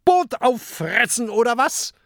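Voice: mid-range voice, sing-song, unhurried, creaky, dry recording, studio quality, faint music behind, pitched above the performer's own voice. Narrator voicing a stuttering little pirate boy. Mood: furious. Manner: stutters on first sounds. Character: small anxious boy pirate who stutters.

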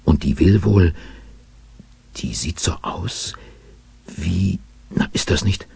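Deep, gravelly male storyteller. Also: slow pace, a little mellow, no room sound. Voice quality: gravelly and very raspy. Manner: storytelling, confiding. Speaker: narrator. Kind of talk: children's radio play narration.

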